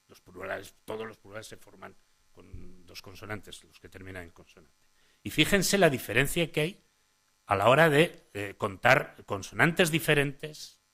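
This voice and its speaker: A man's voice: lowish voice, vocal fry, sharp tone. A man giving a conference lecture on child speech as a language psychologist, often restarting phrases and adding "eh?" tags as he points the audience to his slides. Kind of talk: conference lecture to parents and professionals.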